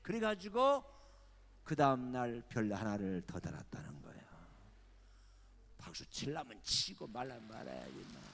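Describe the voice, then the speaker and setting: An older pastor preaches with a lively, swooping delivery, acting out every character in turn. His gravelly, slightly high voice echoes long through a church sanctuary. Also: moderate pace. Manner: dramatic, acts out the characters. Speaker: senior pastor. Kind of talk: sermon testimony storytelling.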